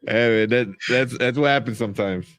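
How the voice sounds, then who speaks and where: A man's voice: mid-range voice, fairly quick, fairly bright tone, dry recording. A man hosting a livestream in a casual, chatty style. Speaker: livestream host. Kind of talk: casual chat.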